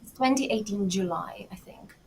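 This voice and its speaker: A woman in her thirties with a Czech accent, chatting as an interview guest, warm and giggly with many pauses and fillers. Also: medium pitch, gravelly, slight background noise, low-quality recording. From Czech Republic. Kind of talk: casual interview talk.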